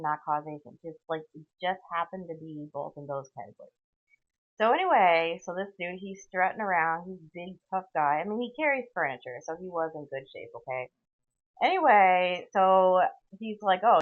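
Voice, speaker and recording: Woman, deep voice, sardonic, tangential storytelling, thin lo-fi voice recorder sound. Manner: tangential, sardonic, frequent "okay?" asides. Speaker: podcast host. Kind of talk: rambling solo storytelling.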